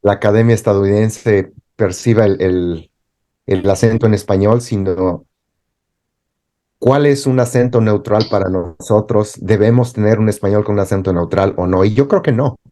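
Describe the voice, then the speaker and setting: Low, mellow-voiced thoughtful man. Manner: thoughtful, halting with restarts. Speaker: teacher and guest. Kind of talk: interview discussion.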